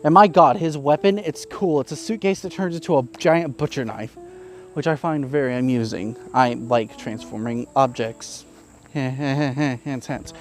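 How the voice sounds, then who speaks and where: A YouTube reviewer gives a casual, candid spoken review, plain-spoken and chatty, with frequent fillers and the occasional mild curse. His voice is on the high side with a somewhat dark tone.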